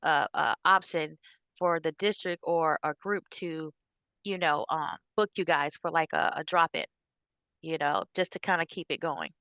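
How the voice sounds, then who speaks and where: A woman's voice: low voice, animated, unhurried, sharp tone, dry recording. A woman teacher on a panel, friendly and tentative as she offers suggestions over a video call. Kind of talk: panel discussion.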